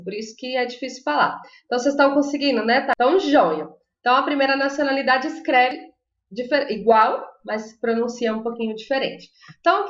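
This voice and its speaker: Woman, Portuguese native, Spanish teacher; upbeat, chatty classroom delivery; echoey room, dull lo-fi mic. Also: on the high side. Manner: chatty, encouraging, models pronunciation slowly. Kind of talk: online language lesson.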